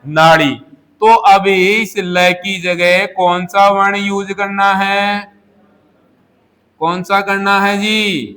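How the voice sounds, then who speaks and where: Male teacher, high voice, unhurried; quizzes the class and answers himself, drills key words. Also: little pitch movement, bright, forceful tone. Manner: asks questions and answers them himself, repeating key words. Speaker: Hindi teacher. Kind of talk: classroom lesson. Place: coaching classroom.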